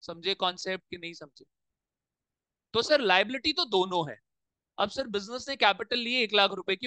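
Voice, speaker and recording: Guy teaching accounts, keeps quizzing the class and answering himself, bright edgy voice, dry close sound. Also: high-pitched, no room sound. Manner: keeps asking students questions and answering them himself; mixes English terms into Hindi explanations. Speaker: commerce teacher. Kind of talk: classroom lecture.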